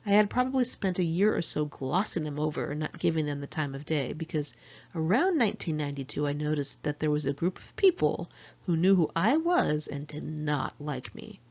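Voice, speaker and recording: A middle-aged woman from California, United States, reads her own memoir aloud in the first person, diary-style, candid and wry with sardonic asides. Her voice sits low with a darkish tone, and the recording sounds muffled.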